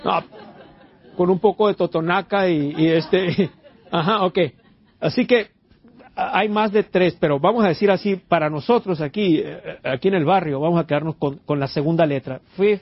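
A husky, somewhat high-voiced man preaches. He keeps turning to the congregation with questions and scatters amens and hallelujahs through his teaching. The recording is dull and lo-fi. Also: dry recording. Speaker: pastor. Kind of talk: sermon. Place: church before a congregation.

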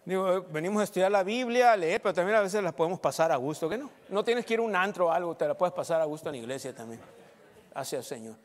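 High-voiced pastor in echoing hall. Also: male voice, quick pace. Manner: joking testimony, loud and animated at times. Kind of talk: sermon. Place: church hall. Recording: long hall reverb.

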